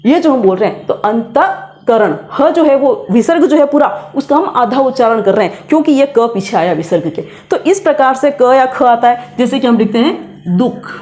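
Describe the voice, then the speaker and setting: A woman's voice: high voice, expressive, moderate pace, dark tone. Woman teacher, patient explaining voice. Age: middle-aged. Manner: patient, repeats and demonstrates sounds aloud. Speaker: Sanskrit grammar teacher. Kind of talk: classroom lesson, explaining pronunciation.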